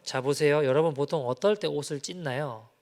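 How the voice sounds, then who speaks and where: A male pastor preaching in a church sanctuary, his slightly high voice ringing with a long hall reverb. He tells the story with animation, acting out the quoted lines. His delivery swings between hushed and loud. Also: brisk. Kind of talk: sermon with storytelling.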